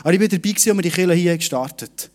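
A middle-aged man preaching a sermon in a lively, direct way, speaking to each listener personally. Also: sits high, very fast. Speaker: pastor.

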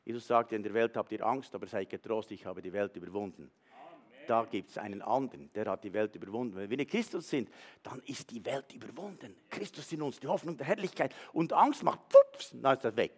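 A man's voice: mid-range voice, lively intonation, brisk, darkish tone. A man preaching a sermon, retelling a story with animation and speaking straight to the congregation. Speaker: pastor.

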